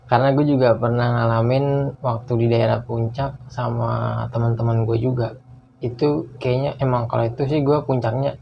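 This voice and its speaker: A woman's voice: very deep voice, flat delivery, moderate pace, creaky, a little hiss or hum. A woman host who asks short prompting questions in a casual interview. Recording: dull lo-fi.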